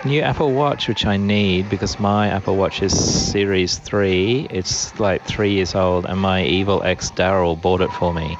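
A man's voice: sits low, a little slow, hardly any pauses, background noise. A man leaving a casual, rambling voicemail that is played back, wry and offhand in tone. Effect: played-back voicemail message. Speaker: voicemail caller. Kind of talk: casual rambling phone message. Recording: dull lo-fi voicemail playback.

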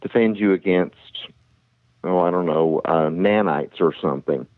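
Deep-voiced man calling in over a phone line. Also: normal speed, dry recording. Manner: hesitant, rambling, jokey. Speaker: caller. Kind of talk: casual phone chat.

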